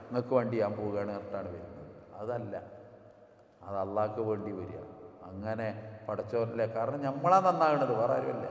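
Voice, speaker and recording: Preacher in an echoing mosque hall. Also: male voice. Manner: moves between quiet low asides and slow melodic chanting. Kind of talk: Ramadan sermon. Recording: echoey hall with long reverb.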